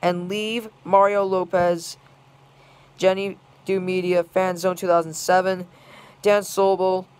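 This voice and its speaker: Angry online scolder, smooth clear tone, repetitive run-on complaints. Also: mid-range voice, level tone, slow pace. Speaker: video maker.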